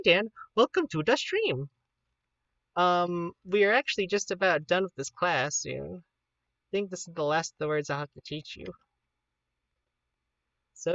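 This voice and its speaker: A woman's voice: lowish voice, a bit bright, dry recording, lo-fi sound. A woman with a Pittsburgh accent chatting casually and informally on a livestream, rambling as she teaches an informal class. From Pittsburgh, United States.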